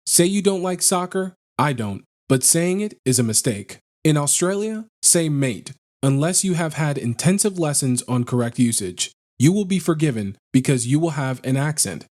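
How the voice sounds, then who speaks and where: A man narrating online posts in a flat, list-like read-aloud delivery, as a scripted narration. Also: fairly high pitch.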